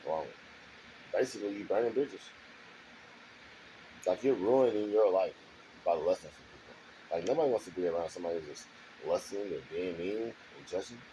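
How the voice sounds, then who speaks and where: A low-pitched, warm-toned man talks animatedly and a little fast, with long pauses, on poor audio carrying some hiss or hum. Alone in his garage, the vlogger rambles defensively, repeats himself, and keeps asking "you know what I'm saying."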